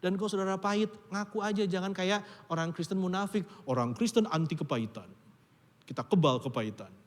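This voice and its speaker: A man preaching a casual, conversational sermon to his congregation, slipping into high squeaky voices to act out quoted dialogue. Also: expressive, brisk. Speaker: pastor. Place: church auditorium. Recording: long hall reverb.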